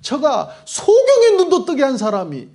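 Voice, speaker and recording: A man's voice: extremely high pitch, huge pitch swings, moderate pace, warm tone. A male pastor delivering a sermon in a church sanctuary, preaching with emphatic, repetitive phrasing and acted-out quotes.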